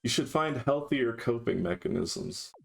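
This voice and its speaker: A man's voice: mid-range voice, animated, measured pace, gravelly, faint music behind. A man chatting casually on a live stream, talking to his chat in a dry, sarcastic way.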